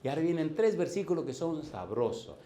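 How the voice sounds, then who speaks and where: A man in his fifties preaching a sermon as a pastor, in a lively way that keeps putting questions to the congregation. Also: fairly high pitch, fairly quick.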